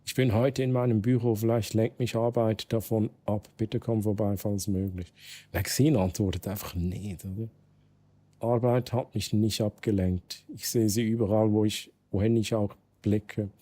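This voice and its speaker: A man's voice: on the low side, steady tone, normal speed, dark tone, natural voice. A man with a Swiss German accent reading out the texts of a desperate, grieving mother. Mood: pleading. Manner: pleading, anxious, read-aloud text messages.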